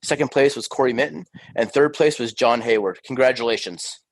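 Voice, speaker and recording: A man hosting a racing stream, interviewing the winners with upbeat, quick questions. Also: medium pitch, dry recording. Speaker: host interviewing race winners.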